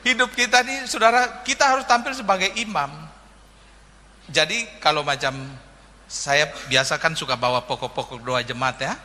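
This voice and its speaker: A man preaches to his congregation, spinning humorous stories and calling out to his listeners as he goes. His voice is very bright and sits slightly high for a man. The sermon rings through a reverberant church hall with a faint noise underneath. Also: normal speed. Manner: humorous, storytelling preaching that addresses the congregation directly. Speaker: pastor. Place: church sanctuary.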